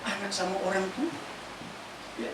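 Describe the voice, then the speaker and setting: A woman pastor preaching a sermon, lively and chatty, asking the congregation questions as she teaches. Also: medium pitch, moderate pace, noisy background. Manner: casual spoken Indonesian mixed with scripture teaching. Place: large church hall. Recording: very echoey church hall from far off.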